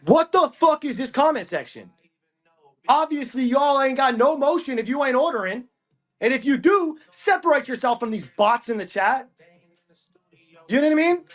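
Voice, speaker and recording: A man's voice: very high voice, animated, normal speed, fairly bright tone, soft background music. A man on a livestream selling cards, ranting aggressively and swearing at viewers. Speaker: live-stream card seller. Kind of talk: angry livestream rant.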